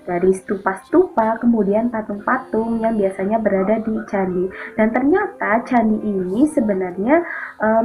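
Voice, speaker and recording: Over background music and through thin, phone-like audio, a woman teaches students a history lesson. Her voice is a little high, and she explains things in careful order, flagging each point as she moves through it didactically.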